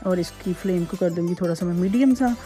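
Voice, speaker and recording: A woman's voice: lowish voice, fast, dark tone, soft background music. A woman, hosting a casual home cooking tutorial from her kitchen in a chatty, repetitive way with homely asides. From Pakistan. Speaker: cooking channel host.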